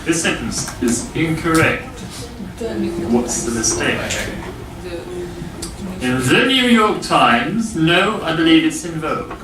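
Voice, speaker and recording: A man teaching English grammar to a class, explaining slowly with many pauses and fillers. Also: on the high side, very animated, background noise. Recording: echoey classroom from far off.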